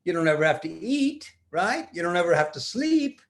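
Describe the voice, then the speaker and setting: A man's voice: high-pitched, very animated, moderate pace. An older man telling a rambling, improvised story to children like a grandfather, often restarting and talking to the listening kids.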